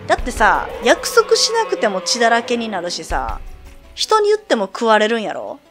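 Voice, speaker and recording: Woman streamer, higher voice, animated and chatty; light game music underneath. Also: moderate pace. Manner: chatty, musing aloud, animated. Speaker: let's play streamer. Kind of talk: casual game commentary.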